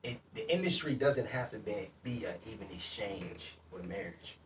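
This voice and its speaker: A man's voice: lowish voice, animated, normal speed, distant mic, noisy background. A man, an actor guest, talking in a casual interview, emphatic and repeating himself. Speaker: actor and radio personality guest.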